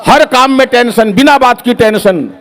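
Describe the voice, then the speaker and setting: Comic poet on stage, high-pitched male voice, storytelling with acted quotes. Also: moderate pace, fairly bright tone. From Haryana. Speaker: stand-up poet. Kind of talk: comic poetry stage performance.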